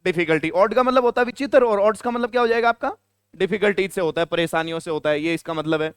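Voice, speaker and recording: A man teaches a classroom lesson in a high, crisp voice. He keeps quizzing his students and repeating the answers. The sound is close and dry, with no room echo. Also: fast. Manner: questions the students and answers himself, repeating key words. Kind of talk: classroom lecture.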